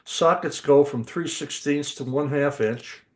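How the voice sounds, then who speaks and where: A man's voice: fairly high pitch, a little slow. Older man chatting with eager, rambling enthusiasm. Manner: chatty, enthusiastic, many restarts and fillers. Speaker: podcast co-host. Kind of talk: casual podcast chat.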